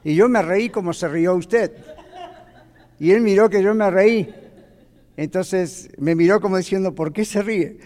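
A man's voice: high voice, a little slow, pauses often. A man teaching a Bible class in a conversational way, telling stories and asking his listeners questions. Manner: animated storyteller, asks the audience questions. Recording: long reverb of a hall.

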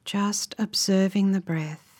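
Her voice at medium pitch, a woman leads a guided meditation. She gives instructions in a calm, measured manner, and her phrases trail off in a soft, breathy way.

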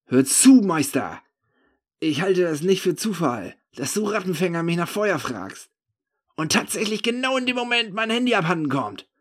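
A man voicing his own drunk, furious younger self, slurring and shouting. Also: medium pitch, expressive, unhurried, slightly rough. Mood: angry.

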